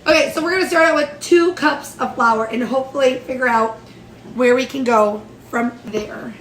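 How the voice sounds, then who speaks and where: A woman's voice: sits high, normal speed, slight background noise. A woman with a nasal, stuffy voice from allergies, chatting upbeat as she walks through a baking recipe in her home kitchen. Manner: chatty and upbeat, talks through each step. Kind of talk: casual cooking tutorial chat.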